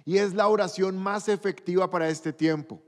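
A man preaching a sermon as pastor, emphatic and building to loud bursts. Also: sits high, fairly even intonation, moderate pace, big-room sound.

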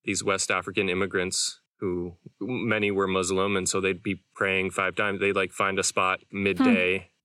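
A man's voice: low voice, moderate pace, hardly any pauses, clear, resonant tone, no room sound, clean studio sound, distant mic. A young man co-hosting a podcast, talking in a loose, rambling way with lots of filler words. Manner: relaxed, rambling with many "like" fillers. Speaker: podcast co-host. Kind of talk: casual chat.

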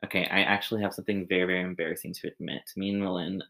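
A young woman hosting a casual podcast, crude and teasing, often breaking into loud laughter. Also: very deep voice, flat delivery, very fast. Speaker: podcast host.

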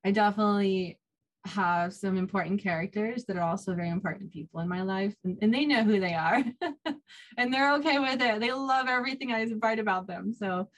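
A woman with a mid-range voice talks briskly as a guest on a casual interview, where she's a self-published author. She chats informally and slips small laughs between phrases.

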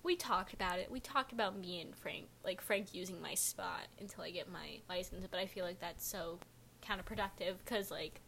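A woman's voice: fairly low pitch, normal speed, gravelly, a bit bright, slight background noise. A teenage girl co-hosting a casual podcast chat, joking, giggling and trailing off mid-sentence. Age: teens. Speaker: podcast co-host.

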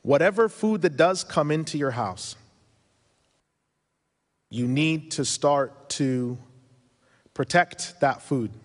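A man's voice: fairly high pitch, slow pace, long pauses. A man in his thirties with a foreign accent, giving an earnest religious lecture at a conference, full of advice and rhetorical questions. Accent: foreign accent he mentions himself. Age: 30s. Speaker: conference speaker. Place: conference hall. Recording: reverberant conference hall.

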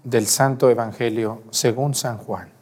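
A man's voice: mid-range voice, steady tone, a little slow, a little mellow, slightly rough. A male priest reading the gospel and preaching a homily at Mass, asking the congregation questions, his voice ringing with cathedral echo. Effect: cathedral echo, long church reverb. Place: church during Mass. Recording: long reverb of a large church.

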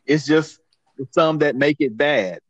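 A man's voice: fairly high pitch, slow, background noise. A man in a heated casual discussion, talking in an angry, emphatic and profane way, repeating himself. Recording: dull muffled lo-fi sound.

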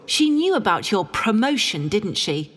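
A woman playing a sharp amateur detective in an audio drama, with a theatrical, declamatory delivery. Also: mid-range voice, very animated, a little slow, slight background noise. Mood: accusing. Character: Ginger, sharp accusing amateur woman detective, loving beneath. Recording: long hall reverb.

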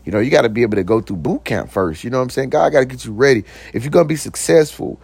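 A young man hosts his own podcast, giving a casual motivational talk in a very fast, expressive voice that's creaky, darkish, slightly rough, and recently deepened. He jokes around, puts on silly voices, and leans on slang and "you know what I'm saying." The recording is dry, with no echo.

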